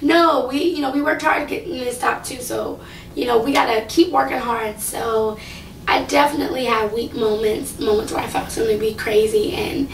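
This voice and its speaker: A young woman who is a singing contestant rambles through a casual talk to camera, full of fillers, at a moderate pace. Her voice is described as fairly high for a woman yet also as low, with a slight, light rasp. She was recorded a little way from the mic in an echoey room, with a bit of hiss or hum.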